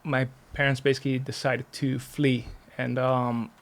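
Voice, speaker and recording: Born in Russia and raised in the Netherlands, this man speaks with a Dutch accent as a podcast interview guest. His medium-pitched voice stays level as he casually explains things and tells stories, pausing along the way.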